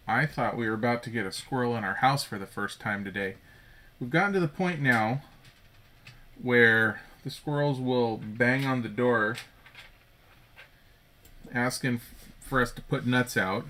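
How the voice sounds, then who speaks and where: A man's voice: medium pitch, a bit bright, a little hiss or hum. A man chatting casually at home as he builds a Lego set, rambling and correcting himself as he goes. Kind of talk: casual chat while building. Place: home room.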